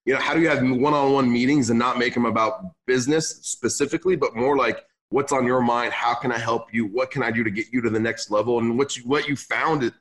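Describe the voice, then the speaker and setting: A man's voice: mid-range voice, a little fast, few pauses, fairly bright tone. A young man from Lebanon raised in California, speaking English as a second language, chatting casually as a podcast guest. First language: not English. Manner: casual, says "man" often, restarts sentences. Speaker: podcast guest, gym business owner. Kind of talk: casual interview chat.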